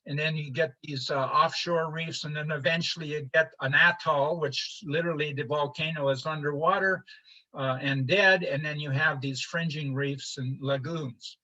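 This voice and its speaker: An older man from Honduras giving an informal slide lecture, halting with many fillers and restarts. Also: on the high side, steady tone, bright, forceful tone. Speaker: presenter. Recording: muffled lo-fi livestream audio.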